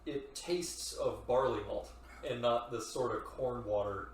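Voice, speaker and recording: Hosting a casual beer review podcast, a man with a medium-pitched voice talks a little slowly, laid-back and rambling, with occasional swearing. The mic sits at a distance, giving a roomy echo with faint ambience and slight background noise.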